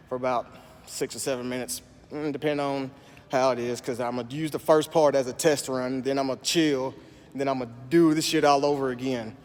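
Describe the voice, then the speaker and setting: A man's voice: medium pitch, darkish tone, big-room sound. A man with a country accent, a slight S lisp and slurred speech, talking in a rambling, profane way as he vlogs from a gym. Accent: Southern US country. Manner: profane, rambling, deliberately slowed. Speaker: fitness vlogger. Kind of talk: casual vlog monologue.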